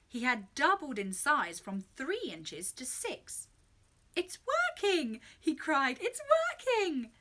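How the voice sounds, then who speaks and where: A woman reading a children's story aloud with expressive, animated storytelling. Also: sits high.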